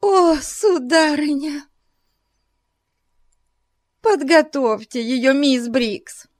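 A woman's voice: sits high, extremely slow, no room sound, studio quality, voice pushed up. A woman voicing a scheming middle-aged lady who gushes with false concern. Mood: sugary. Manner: gushing, falsely solicitous. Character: scheming, sugary middle-aged clergyman's wife.

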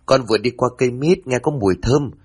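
A man voicing a cheeky, easily frightened young housemaid girl in a spoken ghost story, with shrill, excitable chatter. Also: fast talker, slightly rough, close to an everyday voice. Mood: cheeky, eager.

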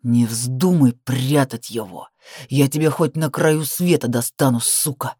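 A woman voicing a furious, possessive young man who growls his threats slowly. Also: very deep voice, dark tone, breathy edge, dry recording, clean studio sound, pitched below the performer's own voice, exaggerated voice. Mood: snarling.

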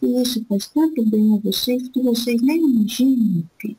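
A woman speaking as an elderly spirit guide in a spiritist session, giving gentle fatherly counsel and calling the listener "my son" after nearly every phrase. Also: a little high, husky, poor audio. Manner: slow, repetitive, soothing advice.

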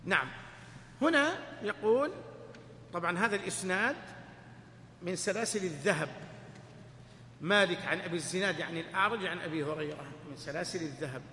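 A man's voice: high voice, bright, forceful tone. A man teaching a lesson in a mosque study circle, correcting his reader and joking with the students. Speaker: sheikh teaching hadith. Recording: echoey hall, faint hum.

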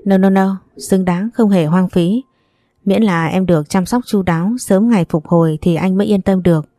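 A woman's voice: medium pitch, moderate pace, warm tone, no room sound, clean studio sound, faint music behind, close to an everyday voice. A woman voicing an apologetic, caring young man who talks earnestly and reassuringly.

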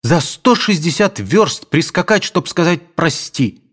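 A man's voice: fairly high pitch, big pitch swings, unhurried, a bit bright, breathy edge, voice pushed up, full character voice. Man voicing an ardent young man. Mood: fervent. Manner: fervent, effusive. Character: young man, ardent, emotional departing son.

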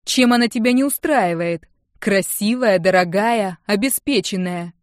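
A woman's voice: medium pitch, moderate pace, dry recording, clean studio sound, natural voice. A woman reading an audiobook, voicing a domineering wealthy middle-aged mother who talks with sarcasm and scorn. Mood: angry. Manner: sarcastic, venomous, raising her voice.

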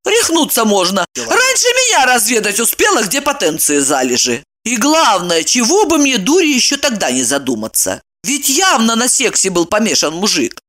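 A woman reading a story aloud, voicing a brash, sharp-tongued young woman who scolds and exclaims. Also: fairly high pitch, huge pitch swings, normal speed, few pauses, pitched above the performer's own voice. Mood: indignant.

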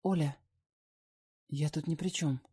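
Reader doing a flustered mother-in-law, nervous, rushed, audiobook. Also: medium pitch, fairly even intonation, mellow, husky. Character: flustered future mother-in-law, older woman.

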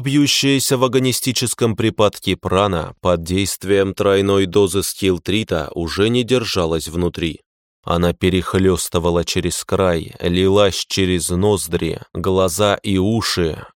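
Low-voiced guy reading a fantasy audiobook, grim and steady, dry sound. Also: clean tone, no echo. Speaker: audiobook narrator. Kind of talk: scripted first-person narration.

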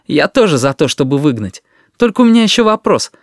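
A man's voice: fairly high pitch, big pitch swings, fairly quick, dry recording, studio quality, pitched above the performer's own voice. A man voicing an outspoken schoolboy who mocks the cowards. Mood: mocking. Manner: mocking, loud.

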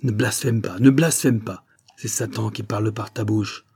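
A man voicing an offended imam who loudly rebukes a questioner, with a husky, mellow voice raised in pitch and volume. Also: fairly even intonation, moderate pace, dry recording, clean studio sound. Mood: stern. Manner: shouting rebukes. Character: angry scandalized male imam, stern.

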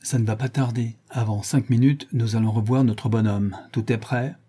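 A man's voice: mid-range voice, fairly even intonation, moderate pace, warm tone, husky, close to an everyday voice. A man voicing an old, tense police inspector who gives urgent, clipped orders.

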